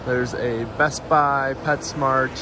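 This young adult vlogger, an American, has a steady mid-range voice and talks slowly and plainly as he narrates a laid-back road-trip video. Recorded inside a car and around outdoor parking lots, the audio is full of vehicle and outside noise.

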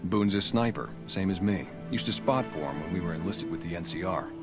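A very deep, blunt ex-gang sniper for a video game, guarded and matter-of-fact. Clear music plays under his lines. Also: lively intonation, fairly quick. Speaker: town security guard. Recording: game audio with music behind.

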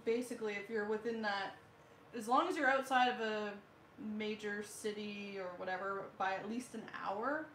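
A woman's voice: medium pitch, steady tone, moderate pace, fairly bright tone, slight background noise. A woman, chatting casually as a homestead co-host, full of "like" and "so". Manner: chatty, filler-heavy explainer. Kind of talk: casual group chat. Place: living room, indoors. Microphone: far camera. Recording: echoey room.

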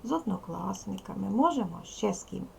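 Gravelly-voiced woman teaching young children. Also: mid-range voice, animated, warm tone, slight background noise. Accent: Ukrainian. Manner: slow, careful, deliberate explanation to young pupils. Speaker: primary school teacher. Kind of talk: recorded video lesson for children.

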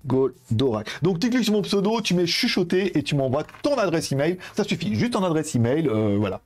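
A man's voice: on the high side, big pitch swings, fairly quick, faint music behind. A young man chatting casually with viewers while hosting a live-stream giveaway, rambling and informal, with lots of fillers. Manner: addresses viewers directly.

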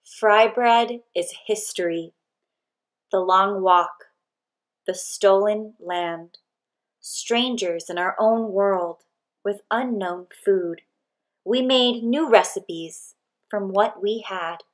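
Reading a picture book at a very slow, measured pace, this medium-pitched narrator shapes every short line with deliberate expression. She leaves gaps between lines.

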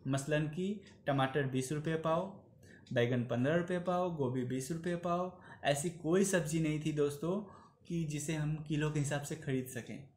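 A man's voice: fairly high pitch, normal speed, a little mellow, echoey room, slight background noise. A man in his thirties giving an earnest opinion commentary to camera in a small room, pleading and slipping into English phrases. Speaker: vlogger.

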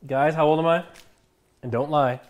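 A man in his early thirties hosts a casual live stream from his home kitchen, giving blunt, dry, deadpan refusals in his replies. His pitch is fairly high and his speed normal, with slight background noise.

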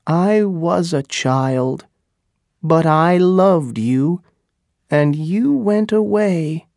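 Pocahontas, hurt young wife, as a narrator voices her, pitched up. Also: lively intonation, drawn-out words, a little mellow, dry recording, studio quality. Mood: reproachful. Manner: emotional, reproachful. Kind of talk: audiobook character dialogue.

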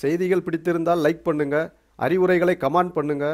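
A man reading local news in a formal, measured style with a Tamil Nadu accent. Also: on the high side, fairly even intonation, over loud music. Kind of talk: scripted news narration.

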